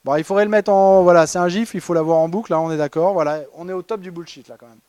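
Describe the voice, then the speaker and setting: A man's voice: sits high, steady tone, fast talker, a little mellow, clean tone, no echo. A man presenting a humorous award talk at a conference, ironic and chatty with many fillers and restarts. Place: conference hall.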